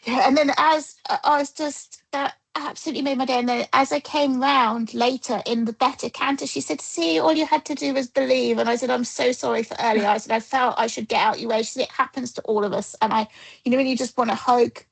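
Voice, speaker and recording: Middle-aged woman guest, fairly high voice with gravel and breath in it, animated storyteller. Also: fast talker, poor audio. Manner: animated, acts out quoted dialogue. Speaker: dressage rider and coach, guest. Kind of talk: casual storytelling interview.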